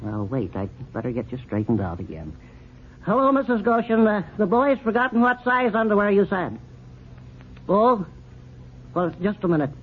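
A pompous old country doctor. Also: male voice, sits high, big pitch swings. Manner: pompous and lecturing, drawn-out. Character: pompous, fussy older male country doctor. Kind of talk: 1930s radio comedy acting. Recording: dull old radio recording with faint hiss.

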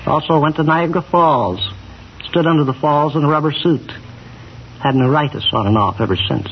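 An actor playing an absent-minded, rambling country animal doctor in an old radio comedy. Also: male voice, on the high side, brisk, natural voice. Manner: rambling, distracted, throat-clearing, repeats himself. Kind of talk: 1940s radio comedy-drama acting. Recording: dull, noisy old radio recording.

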